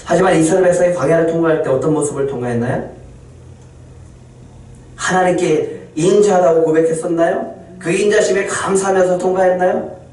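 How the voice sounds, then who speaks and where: A man's voice: high voice, fairly even intonation. Preaching man echoing in a hall. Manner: preaching with dramatic pauses and quoted complaints. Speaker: pastor. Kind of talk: sermon. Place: church sanctuary. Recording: loud echo, distant mic in church hall.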